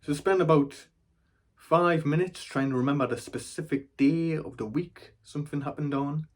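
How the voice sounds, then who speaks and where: A man's voice: fairly high pitch, moderate pace. Wry man. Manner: wry, dry storytelling. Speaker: actor. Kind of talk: theatrical monologue.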